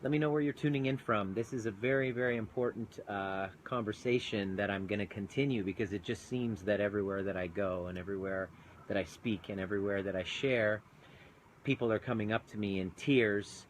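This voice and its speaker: A Canadian chiropractor turned coach talks earnestly and chattily on a live phone video outdoors, mountains in view, greeting viewers mid-thought. His low, steady voice moves fairly quickly, and the low-quality recording has slight background noise.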